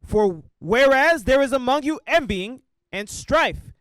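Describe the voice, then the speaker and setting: Very high-voiced man reading scripture. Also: animated, fairly bright tone, clean tone, no echo, poor audio. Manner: slow, deliberate reading of old-style verse. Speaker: scripture reader.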